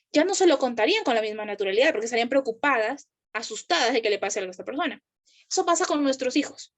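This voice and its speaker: A woman speaking to a live group about parenting, asking the audience questions and acting out the voices she quotes. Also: high-pitched. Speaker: parenting educator.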